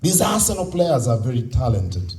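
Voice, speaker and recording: Ugandan-accented man with animated, swooping delivery. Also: mid-range voice, moderate pace. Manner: exhorting, repeats key phrases, asks rhetorical questions. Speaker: speaker at a youth convention. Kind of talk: motivational public speech. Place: live on stage at a convention.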